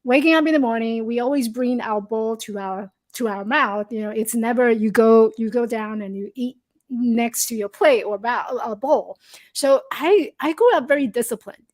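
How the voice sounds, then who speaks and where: High-voiced woman from Taiwan, lively guest. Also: normal speed. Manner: animated, laughs often, simple non-native grammar. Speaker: podcast guest, storyteller. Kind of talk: casual interview chat.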